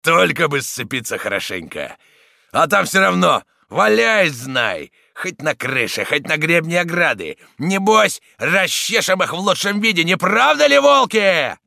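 A man's voice: fairly high pitch, sing-song, unhurried, vocal fry, bright, forceful tone, no echo, clean studio sound, voice pushed up, exaggerated voice. A man voicing a huge, brutal male stonebreaker who leads a mob, bellowing his commands in a thundering voice. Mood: roaring.

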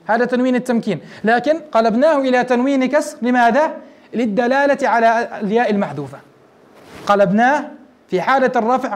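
Sheikh teaching grammar. Very high voice, quick delivery, explains step by step and quizzes his students. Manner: explains step by step, asks the class questions. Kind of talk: classroom grammar lesson.

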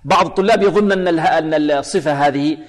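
A man teaching Quran recitation rules, explaining and then slowly demonstrating letters and verses. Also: fairly high pitch. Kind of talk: tajweed lesson with recited examples. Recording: long hall reverb.

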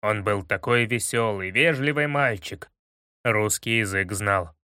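A man's voice: on the low side, measured pace, bright, forceful tone, clear, resonant tone, no echo, studio quality, pitched below the performer's own voice. A man voicing a moody adult male interpreter with a plaintive, moaning manner in an audiobook reading.

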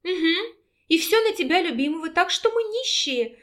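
A woman's voice: sits high, animated, a little slow. A woman reading an audiobook and voicing a playful young wife with a light, coy, teasing manner.

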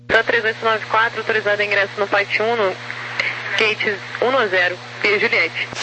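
A man's voice: sits high, flat delivery, a little fast. A Brazilian man working as an air traffic controller, giving clipped procedural callouts over aviation radio. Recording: noisy aviation radio transmission.

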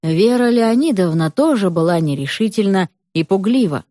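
A woman narrating an audiobook story with an expressive, dramatic reading. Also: medium pitch, moderate pace, no echo, clean studio sound.

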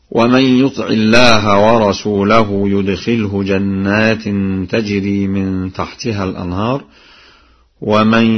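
A man gives a radio lesson on recitation, moving between plain explanation and slow melodic chanting of verse examples. His voice is husky and he speaks at an unhurried pace. The sound is dull and lo-fi, like an old archival radio broadcast. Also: lowish voice. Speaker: Quran recitation teacher.

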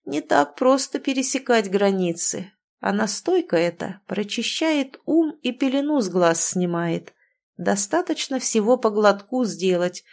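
A kindly old grandfather speaks softly and unhurriedly in an audiobook, voiced by a woman reader. His voice is mellow and sounds tender, and it turns grave when he gives a warning. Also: mid-range voice, expressive, measured pace. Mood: serious. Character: gentle old grandfather, warm and wise.

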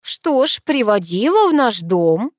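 A woman's voice: a little high, sing-song, no echo, studio quality, pitched above the performer's own voice. A woman voicing a strict, proud grandmother in an audiobook. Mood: stern. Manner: stern, measured.

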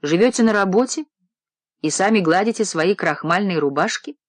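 A woman's voice: medium pitch, lively intonation, normal speed, no echo, lightly acted. A male reader voicing Marina, an ill, proud young woman who speaks with dry, clipped sarcasm, in an audiobook. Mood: wry, feverish.

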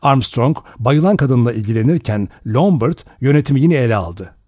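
Guy reading an audiobook, measured and expressive, pitch moves a lot, dry close sound. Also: no echo. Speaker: audiobook narrator. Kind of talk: scripted narration.

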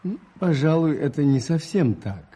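Father Brown, high, soft-toned, husky priest. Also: animated, normal speed. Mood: gentle, thoughtful. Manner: gentle, hesitant, understated. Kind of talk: radio play storytelling.

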